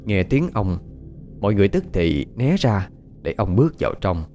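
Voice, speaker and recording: A male storyteller tells a ghost story, his voice low and full of rises and falls. He stresses the frightening moments with drama. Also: normal speed, faint music behind. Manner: expressive, dramatic. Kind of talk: scripted ghost story narration.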